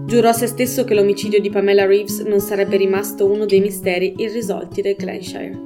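A woman narrating a detective novel in a composed, even reading. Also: mid-range voice, brisk, over music. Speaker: audiobook narrator. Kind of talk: scripted narration.

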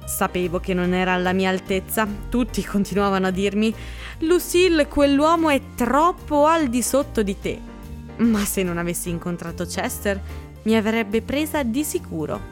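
A woman voicing a shrill, self-important married woman in an audiobook. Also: normal speed, soft background music, close to an everyday voice. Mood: boastful. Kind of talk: audiobook character reading.

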